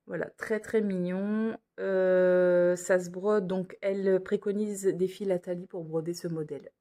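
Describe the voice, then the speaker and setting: Indoors under a lamp, a woman shows off cross-stitch patterns in a casual show-and-tell vlog, speaking hesitantly with many fillers and restarts. Her voice is on the low side and warm, a little slow, with fairly even intonation.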